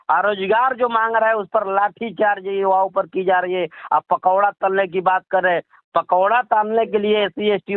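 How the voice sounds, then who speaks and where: An Indian political activist, his voice sitting high with no echo, speaks indignantly during a phone interview, repeating himself and asking rhetorical questions. The call is captured as a muffled, lo-fi phone recording.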